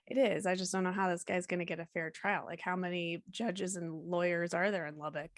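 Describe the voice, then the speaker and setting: A woman's voice: on the low side, steady tone, brisk. A woman co-hosting a true-crime podcast, reading court statements aloud and adding dry, sarcastic asides. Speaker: podcast co-host.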